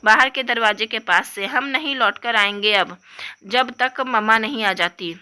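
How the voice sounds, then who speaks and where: A woman's voice: fairly high pitch, measured pace, pushed and bright, clear, resonant tone. Sulky sobbing young girl who stumbles on her words, read by a woman. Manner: tearful, stammering.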